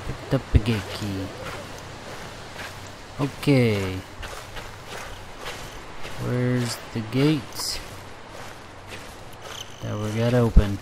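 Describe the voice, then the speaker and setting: Male let's-player, mid-pitched, slow and jumpy, talks to himself; noisy recording. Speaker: gamer playing a horror game. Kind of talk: let's play commentary.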